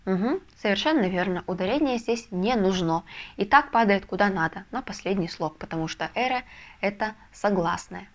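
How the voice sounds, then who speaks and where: A woman teaching a video lesson, explaining step by step with patient, soft confirmations. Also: mid-range voice, animated, normal speed, highs cut off. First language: Russian. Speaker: Spanish language teacher. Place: language school in a Russian city.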